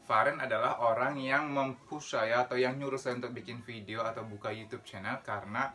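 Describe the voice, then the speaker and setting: A man's voice: medium pitch, steady tone, brisk, bright, forceful tone. A man around thirty from Indonesia, hosting his casual vlog and reminiscing with an old school friend in an upbeat way. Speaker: vlog host. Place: indoors, on the road.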